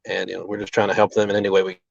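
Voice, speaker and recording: Low, flat man on a breaking-up call. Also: vocal fry, no room sound. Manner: halting, filler-heavy, earnest. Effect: choppy, breaking-up call connection. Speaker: restaurant owner. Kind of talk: live remote interview. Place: outdoors near a relief center. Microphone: video call over a bad mobile connection. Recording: dull lo-fi call audio, very dry.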